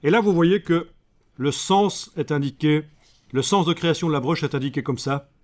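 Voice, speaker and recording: Joking Belgian French teacher. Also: male voice, fairly high pitch, moderate pace, darkish tone. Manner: joking asides to students. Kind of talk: live software class.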